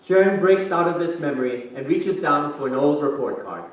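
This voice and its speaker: A man's voice: on the high side, expressive, moderate pace, close to an everyday voice. A man narrating stage directions for a staged play reading in scripted delivery. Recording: echoey hall, distant mic, faint noise.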